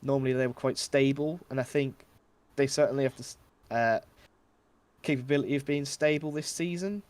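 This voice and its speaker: A man's voice: mid-range voice, a little mellow, dry recording. Guy hosting a footy predictions chat, bit hesitant, lots of ums. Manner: measured, hesitant with fillers. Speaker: football predictions host. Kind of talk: casual football chat.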